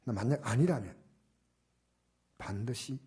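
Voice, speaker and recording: An older man preaching a sermon as pastor in a church, swinging between loud emphatic exhortation and soft, almost whispered asides. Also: mid-range voice, slow, breathy edge. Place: church sanctuary.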